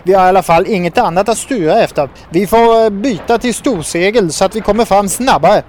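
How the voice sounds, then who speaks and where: A man voicing a boastful, loud male toad sailor with a booming, blustering manner. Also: a little hiss or hum, lightly acted.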